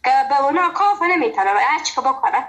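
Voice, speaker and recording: A woman's voice: sits high, expressive, a bit bright, lo-fi sound. A woman from Farah speaking with a Farahi Dari accent, calling in to a radio show and laughing easily. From Farah, Afghanistan. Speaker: caller. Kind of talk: phone-in chat.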